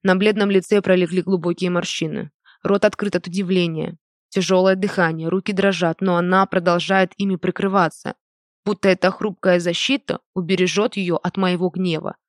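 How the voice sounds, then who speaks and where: Measured audiobook narrator, dry close sound. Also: mid-range voice, fairly even intonation, dry recording. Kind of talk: first-person novel narration.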